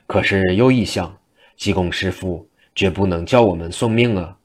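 A man with a very low, deep voice narrates a traditional tale. His telling is brisk and rhythmic, moving the story along steadily. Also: slightly rough.

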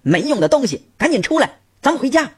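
A man voicing a bossy, hot-tempered young wife who shouts in a high voice. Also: sing-song, fast talker, breathy edge, heavily acted. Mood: furious.

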